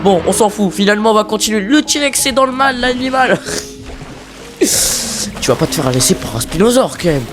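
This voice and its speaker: Excitable man commentating a game. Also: high-pitched, a little fast, long pauses, music in the background. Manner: excitable, shouts and pleads at the game, swears casually. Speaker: YouTuber commentating his own gameplay. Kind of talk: casual gameplay commentary.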